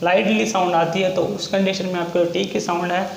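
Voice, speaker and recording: High-voiced man teaching in an echoey room. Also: little pitch movement, creaky. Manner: repetitive, spells words out slowly for learners. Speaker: shorthand teacher. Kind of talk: classroom lesson. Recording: echoey room with faint noise.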